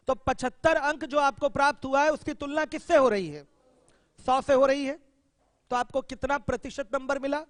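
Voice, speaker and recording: A man teaches maths to a class in a high, bright voice. He often turns explanations into direct questions for the students. The sound is close and dry, with a long reverb tail behind it. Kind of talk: classroom lecture.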